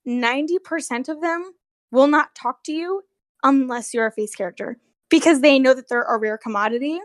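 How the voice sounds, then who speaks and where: Speaking at normal speed in a high-sitting voice, a former theme park character performer shares gossipy stories. Her talk is relaxed, full of slang and swearing, and heavy on "like," captured with clean studio sound and no room echo.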